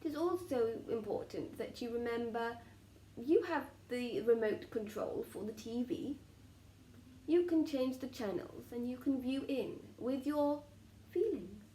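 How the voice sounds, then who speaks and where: A woman speaking as a trance channelling medium, delivering spiritual messages in a solemn, oracular way with formal phrasing and deliberate pauses. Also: a little high, expressive, dark tone. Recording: roomy echo with faint background noise.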